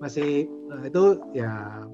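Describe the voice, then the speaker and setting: A talkative man in his forties tells his story in an easygoing interview, full of fillers, and brings remembered dialogue to life. His voice sits a little high. The audio is dull and lo-fi, with music clearly playing underneath. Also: takes it slowly. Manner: animated, acts out remembered dialogue, frequent fillers. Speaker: guest, property and franchise investor.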